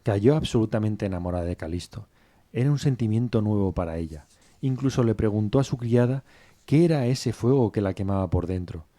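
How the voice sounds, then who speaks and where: Man as an earnest manservant, low mellow voice, dry close sound, storybook podcast. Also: brisk, natural voice. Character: Tristán, earnest sympathetic male servant. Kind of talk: scripted two-hander narration.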